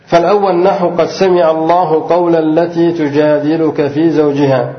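A man teaching Arabic grammar to a class, reading from a text and explaining it, often asking the students questions and answering them himself. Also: a little high. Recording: roomy, muffled lo-fi recording.

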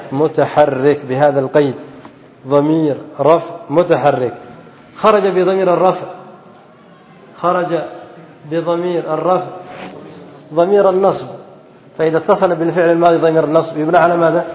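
Man drilling students in a roomy hall. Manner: repeats and drills, asking students to fill in answers. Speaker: grammar teacher. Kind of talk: classroom lesson with questions to students. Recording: roomy hall, dull low-fi sound.

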